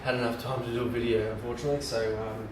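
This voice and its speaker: In a mid-range, rapid-fire voice with little pitch movement, the home brewer chats loosely through his how-to video, stumbling over ums and restarts. Background noise and a roomy, distant camera mic color the sound.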